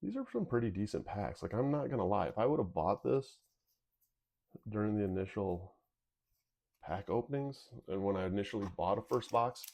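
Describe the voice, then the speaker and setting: A man with a low voice chats casually as he opens card packs for viewers. His nose is sniffly and whistles as he talks. He rambles along candidly. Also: vocal fry, darkish tone. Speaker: video host. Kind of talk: casual card pack opening commentary.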